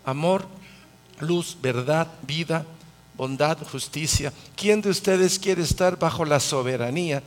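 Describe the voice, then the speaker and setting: Lively preacher, slightly high voice. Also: male voice, unhurried. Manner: asks the audience questions, lively. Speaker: Bible teacher and preacher. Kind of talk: conversational Bible teaching.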